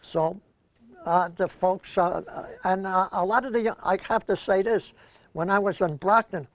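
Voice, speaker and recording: An older Brooklyn man with a high-pitched voice co-hosts a news show for seniors, speaking unhurriedly. He reminisces casually, rambling from one anecdote to the next.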